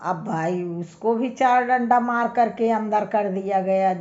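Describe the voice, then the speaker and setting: A woman slowly telling a homely folk tale, unhurried, with small hesitations. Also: mid-range voice, a little mellow. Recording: dull lo-fi recording.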